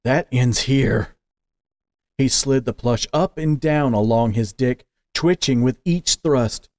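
Slow, measured male storyteller. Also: mid-range voice, a little mellow, no room sound. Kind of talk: scripted narration of an audio story.

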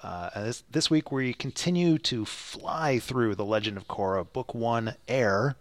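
A man's voice: mid-range voice, unhurried, no room sound. A man hosting a podcast, chatting casually and rambling with fillers and restarts. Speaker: podcast host.

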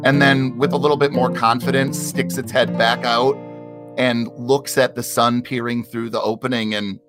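A man's voice: medium pitch, steady tone, moderate pace, a bit bright, soft background music. A man narrating as game master in a tabletop game, talking hesitantly with many restarts.

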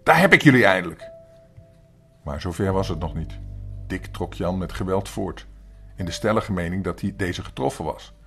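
An older man, a grandfather, reading a children's story aloud in a lively, expressive way. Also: low-pitched, normal speed, vocal fry, soft background music.

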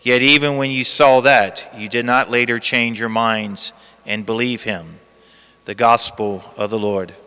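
A man, a priest, reading the gospel and preaching a homily in a measured, emphatic way, his voice carrying a long church echo. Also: mid-range voice, fairly even intonation, pushed and bright, clean tone. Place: large church. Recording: long cathedral-like church reverb.

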